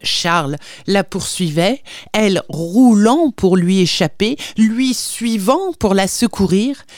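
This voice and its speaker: Slow, expressive woman storybook narrator. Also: mid-range voice, dry recording, studio quality. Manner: measured, expressive reading. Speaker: audiobook reader.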